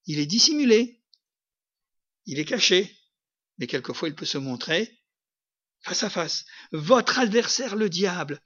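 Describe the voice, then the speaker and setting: A man delivers a sermon in a high voice, moving between calm teaching and emphatic, rising peaks. The recording sounds slightly dull and lo-fi. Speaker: preacher.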